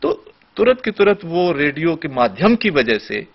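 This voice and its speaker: A man explaining radio as an expert guest in a studio discussion, teacherly, giving spoken examples with deliberate pauses. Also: fairly high pitch, big pitch swings. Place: television studio. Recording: dull lo-fi broadcast audio.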